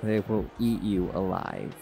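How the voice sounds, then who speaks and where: A male roleplay performer, deep and warm-toned with a creaky edge, delivers a scripted monologue at a measured pace with big pitch swings. His character is a cocky, relaxed male jaguar shifter who is a pack alpha and teases in a laid-back manner, with party music behind.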